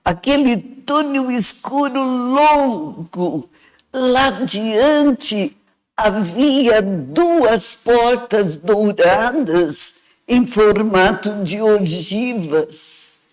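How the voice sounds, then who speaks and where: An earnest Brazilian woman shares her own story as a radio guest. She talks at an unhurried, deliberate pace, reflective in tone and often adding "né" as she goes. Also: on the high side, expressive, darkish tone, low-quality recording. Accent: Brazilian Portuguese. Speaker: guest sharing a personal testimony. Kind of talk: emotional first-person storytelling.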